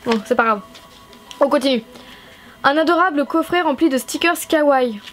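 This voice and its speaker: A woman's voice: sits high, moderate pace, a bit bright, a little hiss or hum. A young woman from France chatting through a stationery box unboxing, gushing and enthusiastic, with frequent fillers. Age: young adult. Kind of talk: casual vlog unboxing.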